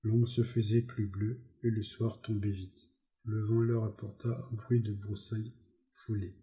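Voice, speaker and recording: Dark-voiced male audiobook narrator. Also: fairly low pitch, little pitch movement, a little slow, lo-fi sound. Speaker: audiobook reader. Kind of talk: literary narration.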